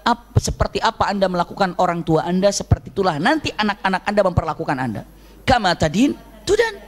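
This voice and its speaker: Male preacher, high pitch, lively storytelling sermon. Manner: animated storytelling, acting out shouted voices. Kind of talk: Islamic sermon to a congregation.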